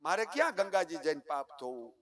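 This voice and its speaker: Folk religious storyteller, man in his 50s, Kathiawadi Gujarati accent, higher voice, dramatic hushed-to-loud delivery. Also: fast talker, crowd noise. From Saurashtra, Gujarat. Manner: animated, swings from hushed to loud declaiming, half-sung lines. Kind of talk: devotional folk storytelling for a live gathering. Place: live stage before a village gathering.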